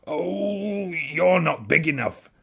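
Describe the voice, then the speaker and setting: A man voicing a shrill, bad-tempered, boastful little ladybird that screeches and shouts in a storybook reading. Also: lively intonation, slow, creaky, slightly rough, full character voice. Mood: shouting challenge.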